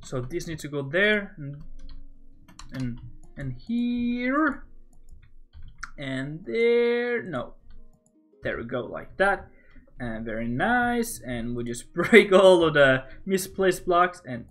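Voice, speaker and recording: A man's voice: on the high side, sing-song, takes it slowly, long pauses, a bit bright. A man from Norway with a Norwegian accent, casually talking to himself and joking with viewers as he builds in a game. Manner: rambling, self-talking while building, joking. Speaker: Minecraft builder streaming. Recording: faint background music.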